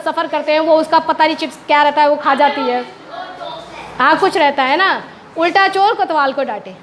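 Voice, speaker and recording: A woman teacher with a strikingly high voice walks her pupils through one example after another. She repeats each point and keeps checking that the class follows, over faint background noise in the classroom. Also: fairly bright tone. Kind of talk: classroom lesson explaining proverbs.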